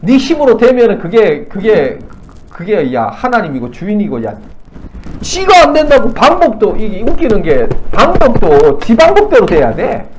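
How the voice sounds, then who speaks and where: A male pastor preaches in a blunt, everyday way, jumping from loud bursts to near-mutters and laughing often. His fairly high voice swings wildly up and down. A faint hiss of background noise sits under the church recording. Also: huge pitch swings, normal speed, rough recording. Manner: blunt, colloquial preaching with sudden shouts and drops to near-mutters; laughs often mid-sermon. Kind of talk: sermon.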